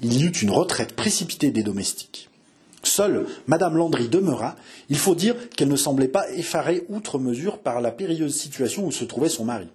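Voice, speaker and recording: Field: audiobook. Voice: male narrator. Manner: expressive, theatrical reading. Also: on the high side, fairly quick.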